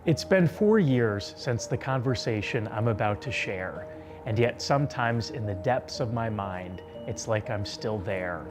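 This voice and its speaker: A man in his twenties, a TV reporter, narrating a personal story in a soft, reflective voice. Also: lowish voice, animated, unhurried. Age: 20s. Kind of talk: scripted narration. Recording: narration over music.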